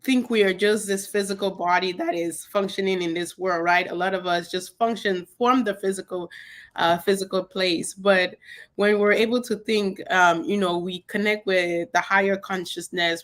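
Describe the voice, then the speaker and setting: A young woman from Cameroon, a guest on a video call interview, speaking in a reflective, soft-spoken way with many fillers. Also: medium pitch, fairly even intonation, normal speed. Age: young adult. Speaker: guest, podcast host.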